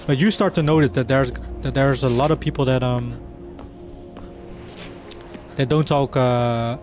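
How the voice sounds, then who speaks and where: A man's voice: mid-range voice, measured pace, over music. A Dutch man streaming a game live, chatting casually with his viewers and laughing between lines. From Netherlands. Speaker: livestreamer. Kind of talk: casual chat while gaming live.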